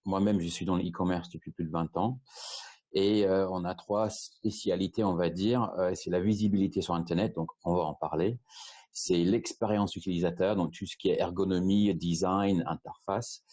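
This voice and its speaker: A man's voice: low voice, steady tone, mellow. A man from Britain with a British English accent, presenting a webinar over a video call in French, hesitant with many restarts. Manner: halting, many restarts and fillers. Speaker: guest speaker, e-commerce agency head.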